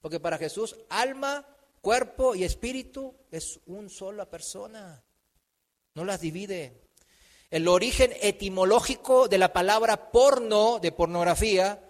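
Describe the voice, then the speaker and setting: A man preaching a sermon, swinging from loud emphatic lines to hushed ones. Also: high voice, big-room sound. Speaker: pastor.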